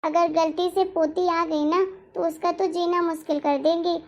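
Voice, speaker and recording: A woman voicing an eager, cheerful teenage niece in an animated family story. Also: very high-pitched, normal speed. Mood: lively. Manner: eager, agreeable.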